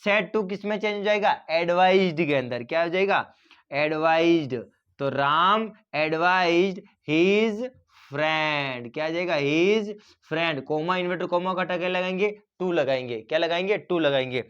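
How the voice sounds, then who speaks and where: A man's voice: a little high, unhurried, a bit bright, clean tone, muffled recording. A man teaching a grammar lesson, explaining step by step and asking and answering his own questions.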